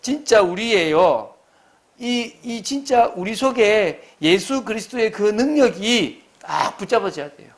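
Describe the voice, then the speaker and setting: A man's voice: sits high, animated, measured pace. A man preaching a Sunday sermon as pastor. He stresses his points hard and keeps putting questions to the congregation.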